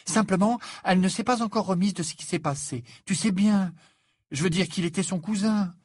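Hermione, a man doing an earnest high girl. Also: a little fast, husky, no room sound, clean studio sound. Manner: earnest, indignant. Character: clever earnest teenage girl, quick to protest.

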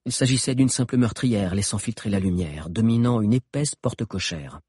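Husky male narrator, dry close sound, animated storytelling. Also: lowish voice, moderate pace, no echo. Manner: expressive, dramatic reading. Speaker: audiobook narrator. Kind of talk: scripted narration.

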